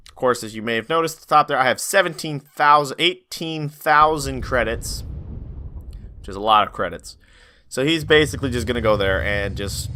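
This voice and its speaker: A man's voice: medium pitch, bright, forceful tone. Tired man rambling over gameplay. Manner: rambling, acts out his own reactions in quotes. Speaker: gaming YouTuber. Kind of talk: casual gameplay commentary.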